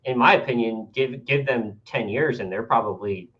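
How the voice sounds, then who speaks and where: A man of middle pitch talks games in a chatty, rambling way, stopping to mimic what others say. His mic sounds dull and muffled. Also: moderate pace. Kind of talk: casual gaming chat.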